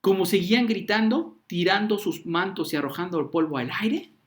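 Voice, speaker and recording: Animated preacher, man. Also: high-pitched, moderate pace. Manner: animated, acts out crowd voices with slang. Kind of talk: sermon.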